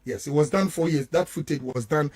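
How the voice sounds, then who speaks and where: A Ghanaian-accented man hosts a radio talk show, delivering impassioned political commentary in a fairly high, darkish voice at a brisk clip. He is emphatic and repetitive, firing off one rhetorical question after another.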